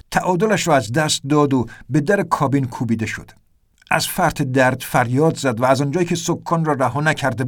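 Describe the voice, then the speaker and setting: A man narrating an audiobook adventure in a tense, vivid storytelling manner. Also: on the high side.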